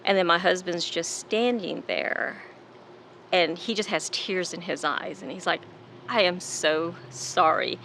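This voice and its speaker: A woman speaking in an interview, her voice low-set yet bright and forceful. She relives a painful night in vivid detail, emotion rising through her words. A faint background hum sits under the recording. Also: a little slow. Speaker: daughter of a victim. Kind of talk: interview recollection.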